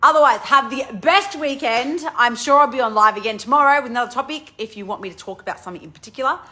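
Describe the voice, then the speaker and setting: A woman chats on a casual live stream about managing renovation projects. Her voice is bright and sits a little high, and she rattles along eagerly with lots of fillers and self-corrections. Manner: fast, excitable talk with many fillers.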